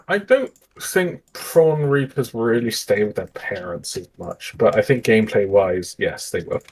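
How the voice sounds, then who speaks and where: A man's voice: fairly low pitch, animated, unhurried. A man streaming as a game developer, talking casually and hesitantly with many fillers, joking with his co-host. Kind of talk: casual livestream chat.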